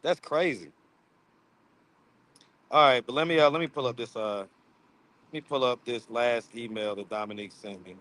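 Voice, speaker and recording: A man with a slight lisp hosts a casual livestream, chatting with viewers as he reads their comments aloud on a streaming mic. His fairly bright, medium-pitched voice moves at normal speed with frequent pauses and no echo.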